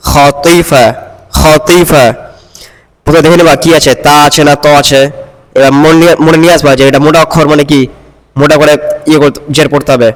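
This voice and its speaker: Male reading tutor, fairly high voice, flat delivery, patient and corrective, long reverb. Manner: patient, corrective, repeats syllables slowly. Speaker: Quran recitation teacher. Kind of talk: one-on-one reading lesson.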